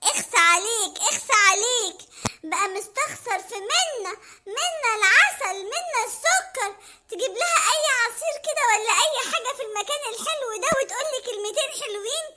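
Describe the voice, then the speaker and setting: A woman plays an excitable young Egyptian sweetheart in a homemade comedy skit. Her voice is very high and bright, and she gushes and coaxes her partner. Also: brisk, a little hiss or hum, full character voice. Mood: gushing. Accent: Egyptian Arabic. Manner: excited, gushing and coaxing.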